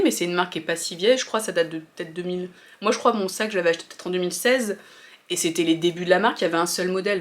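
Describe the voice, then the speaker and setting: Chatty French woman vlogger. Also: on the low side. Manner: chatty, hesitant, many fillers and restarts. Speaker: fashion vlogger. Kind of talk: casual opinion chat to viewers.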